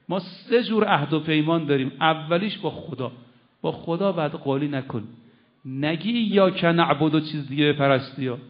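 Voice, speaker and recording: A male preacher giving an impassioned sermon, telling a story and swinging between loud declaiming, low asides and slow, solemn recitation of Arabic phrases. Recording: muffled lo-fi recording.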